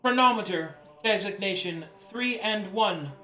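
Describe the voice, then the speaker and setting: A man's voice: high voice, measured pace, bright, forceful tone, reverberant, soft background music. A man voicing an emotionless machine intelligence, speaking in clipped, robotic computer-processing status reports. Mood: monotone. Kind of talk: game master voicing a computer in a tabletop game.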